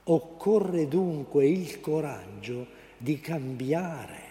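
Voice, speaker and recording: A priest preaches a homily slowly and haltingly. He often stops to search for the right word. His voice is dark and mellow, and it rings out in a large echoing church, picked up from a distance. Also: fairly high pitch. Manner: unhurried, halting, searching for words.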